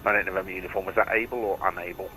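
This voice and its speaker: A man's voice: low voice, steady tone, racing, bright, forceful tone, low-quality recording. A man working as an air traffic controller, giving procedural instructions over the radio. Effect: radio transmission. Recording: radio transmission with faint noise.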